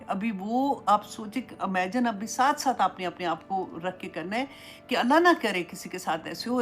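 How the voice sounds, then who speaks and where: A woman teaching a Quran commentary lesson in a mid-pitched voice, telling stories with feeling and dropping English phrases into her Urdu. Faint music plays softly behind her. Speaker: Islamic teacher.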